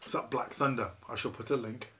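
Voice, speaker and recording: A man's voice: mid-range voice, steady tone, a little fast, noisy background. A man in his fifties reviewing a beer to camera from a small living room, rambling and self-deprecating, with many ums and you-knows. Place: small living room, indoors, seated at a table.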